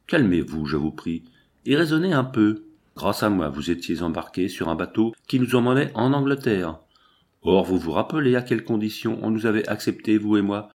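A man reading a first-person novel aloud, with measured, coolly reasoning delivery. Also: lowish voice, darkish tone. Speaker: audiobook reader.

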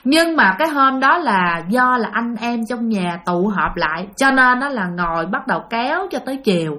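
A woman's voice: a little high, lively intonation, normal speed, sharp tone. A woman with a Southern Vietnamese accent telling a ghost story in a chatty way, often addressing her listeners directly. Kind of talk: spoken ghost-story narration.

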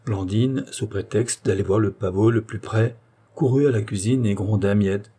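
A man calmly narrating a children's tale as an audiobook. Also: on the low side, moderate pace, slightly rough.

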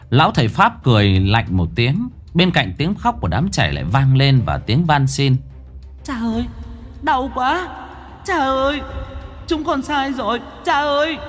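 A man narrating a ghost story in a dramatic, expressive way. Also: medium pitch, slightly rough. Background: faint background music.

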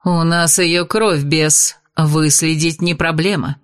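A woman's voice: sits low, steady tone, slow pace. A woman voicing a sultry, cold-hearted witch who speaks in a languid, purring way. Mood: stern.

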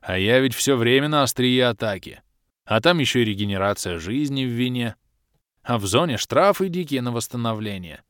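A man voicing a big, gruff armored warrior who growls in a deep voice in an audiobook. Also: animated, normal speed, a bit bright, no echo, clean studio sound, lightly acted. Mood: wheedling. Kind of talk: audiobook character voice.

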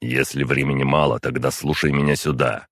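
A man reading an audiobook and voicing a calm, unflappable young man who speaks flat and blunt. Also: extremely low pitch, fairly quick, no room sound, studio quality, heavily acted. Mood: cool. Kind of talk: audiobook narration.

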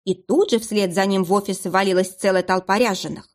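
A woman narrating an audiobook in an expressive reading manner. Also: medium pitch, brisk.

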